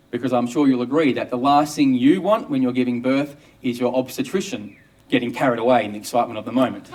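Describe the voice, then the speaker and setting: Australian male doctor, storytelling monologue, wry humour, distant mic, mid-pitched. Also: a little mellow. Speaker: obstetrician. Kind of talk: first-person storytelling monologue.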